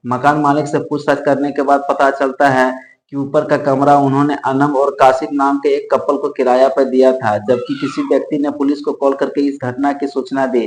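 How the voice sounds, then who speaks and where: A man's voice: medium pitch, flat delivery, moderate pace. A man narrating a true-crime case in an unscripted way, often restarting and correcting himself mid-sentence. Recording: echoey room.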